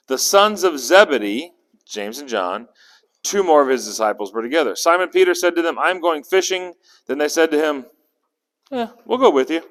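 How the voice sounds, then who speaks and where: With a voice on the high side and a touch of brightness, a man teaches a Bible study by questioning his group in an easy, conversational way. He restarts words now and then, and the hall around him echoes at length.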